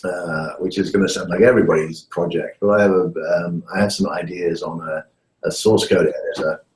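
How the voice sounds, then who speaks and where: A university lecturer heard over a remote call line that breaks up and echoes, talking casually with many pauses and fillers. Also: male voice, deep voice, steady tone, a little mellow. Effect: remote call line that breaks up, with echo. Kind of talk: casual video call chat.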